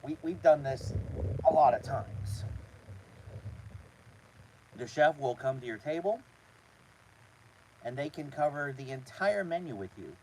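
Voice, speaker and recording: A man hosting a casual live stream from inside a small trailer, talking to his chat in a halting way with repeated words. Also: on the high side, lively intonation, mellow, a little hiss or hum, rough recording. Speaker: host of a live show.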